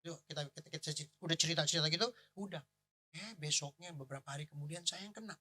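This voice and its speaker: A male pastor, preaching in a casual storytelling way, animated and joking, with exclamations. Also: fairly high pitch, fast talker, husky.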